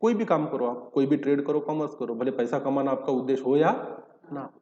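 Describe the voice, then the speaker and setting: A teacher's mid-range, dark voice moves fairly quickly through a recorded lecture. He asks questions about terms and answers them himself, reading English legal text in between his Hindi, and the audio carries a dull hall echo.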